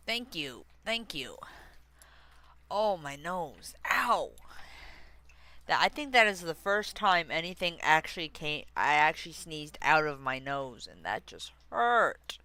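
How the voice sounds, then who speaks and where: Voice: medium pitch, very animated, slow pace, sharp tone, clear, resonant tone, no room sound. A streamer chatting casually with viewers, rambling and easily sidetracked while working on screen, with many fillers and restarts. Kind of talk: casual livestream chat.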